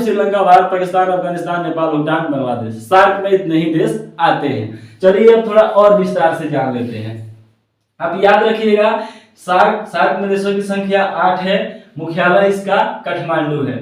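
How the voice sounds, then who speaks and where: A man's voice: sits high, recorded from a distance. A man teaching a map-based geography lesson, saying each point twice and chanting lists of country names in a sing-song rhythm. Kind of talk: classroom-style map lesson. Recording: very echoey room, voice from away from the mic.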